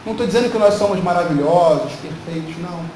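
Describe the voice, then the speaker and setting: High-voiced preacher in an echoey hall. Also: male voice, quick pace, a little mellow. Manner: emphatic, rhetorical questions to the congregation. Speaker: pastor. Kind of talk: sermon. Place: church hall. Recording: very echoey hall from far off, faint noise.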